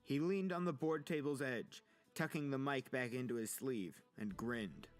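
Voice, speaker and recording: Backed by guitar music, a man reads a dramatic audiobook script a little slowly. His voice has a medium pitch.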